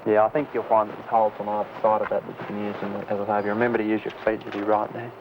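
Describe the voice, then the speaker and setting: A man's voice: lowish voice, level tone, rapid-fire. A man who climbs rocks, giving casual instruction to a novice outdoors. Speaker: experienced rock climber coaching a novice. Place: outdoors at a rocky cliff. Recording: dull 1970s location film sound, noisy.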